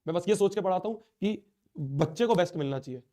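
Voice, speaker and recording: A man's voice: high voice, animated, fast, dark tone. A man teaching a live online class, speaking in a hurt, earnest, pleading way while he has a sore throat and a stuffy nose.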